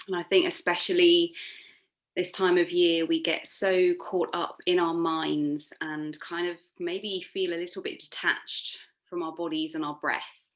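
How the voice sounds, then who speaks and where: Guiding a relaxation meditation, the woman yoga instructor keeps a level tone and a fairly low pitch. She is a little slow, with a soothing, gently encouraging manner that feels unforced.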